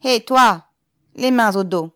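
A woman's voice: medium pitch, slow, no room sound, clean studio sound, pitched above the performer's own voice. A woman voicing a cold, brutal middle-aged police commissioner who barks contemptuous commands in an audiobook. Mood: barking, furious.

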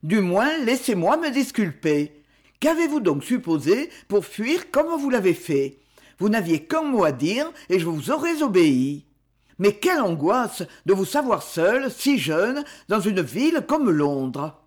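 A woman doing a smooth, scheming man. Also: medium pitch, big pitch swings, a little slow. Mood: pleading. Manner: pleading, ironic, restrained menace. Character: scheming man, pleading then menacing.

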